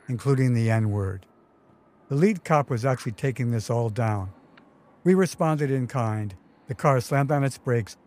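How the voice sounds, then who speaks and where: A man's voice: medium pitch, darkish tone. Man narrating a wry memoir. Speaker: storyteller. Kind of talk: first-person memoir narration.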